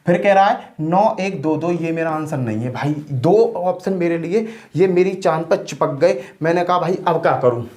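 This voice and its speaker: A man teaching exam math tricks in a loud, colloquial, playful coaching style, standing at a board. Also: fairly high pitch, moderate pace. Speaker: math teacher for police exams. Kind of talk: energetic coaching lesson. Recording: echoey room.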